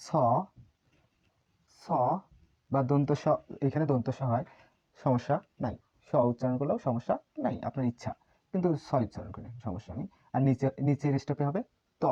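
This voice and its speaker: Language teacher, mellow voice, patient drilling, dull lo-fi recording. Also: mid-range voice. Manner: patient, repeats each sound many times as a drill. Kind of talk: online language lesson.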